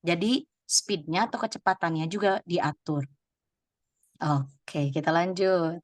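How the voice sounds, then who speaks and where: A woman's voice: lowish voice, takes it slowly, dry recording, clean studio sound. Chatty woman presenting a teaching webinar. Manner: chatty, laughs often, calls on participants by name. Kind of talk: lively teaching talk to teachers.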